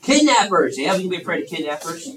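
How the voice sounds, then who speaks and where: A man in his thirties gives a youth sermon and takes questions from the audience, preaching in a folksy, chatty style packed with fillers and restarts. His voice sits high and sing-song, a bit bright, and moves at a quick pace. The recording has an echoey room, a distant mic, and a faint hiss.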